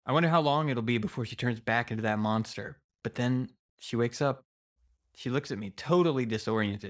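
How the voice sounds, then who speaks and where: A man giving a dramatic, scripted first-person narration of a horror story, with deliberate pauses. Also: medium pitch. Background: music.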